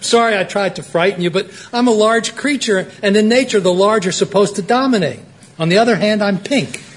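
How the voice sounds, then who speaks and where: A timid pink elephant played by a man apologises and analyses himself in a comedic radio play. His voice sits high, and the recording carries a faint background hiss. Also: brisk, close to an everyday voice. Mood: sheepish. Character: meek, anxious pink male elephant.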